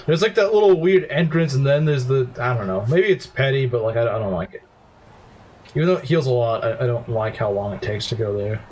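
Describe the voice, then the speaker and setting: A young man casually commentating a video game, quick to complain and laugh. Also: medium pitch, a little mellow, a little hiss or hum. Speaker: let's play host.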